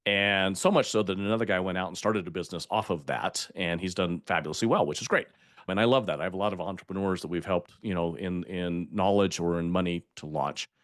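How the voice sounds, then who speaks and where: An older man with a low voice tells stories in a lively, emphatic way and laughs at his own slips. The sound is close and dry, with hardly any room around him. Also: fairly quick, no room sound. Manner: storytelling, emphatic, laughs at himself. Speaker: podcast guest. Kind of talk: conversational interview.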